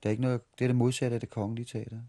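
A man's voice: mid-range voice, level tone, dark tone. A Danish man in his forties telling stories in an interview as a street performer, often restarting and repeating words as he remembers. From Denmark. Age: 40s. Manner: halting, repeats and restarts words while reminiscing. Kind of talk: storytelling interview.

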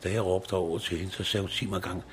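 A man's voice: deep voice, fairly even intonation, a little hiss or hum. A man in his sixties, a recycling site worker, talking casually in an interview and rambling with tag questions.

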